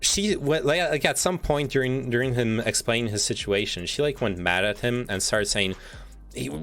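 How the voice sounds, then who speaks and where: Soft music plays behind a man with a medium pitch, normal speed, and fairly bright tone. He's streaming live in a relaxed, foul-mouthed way, reading quiz statements and reacting, rambling and frequently restarting what he says.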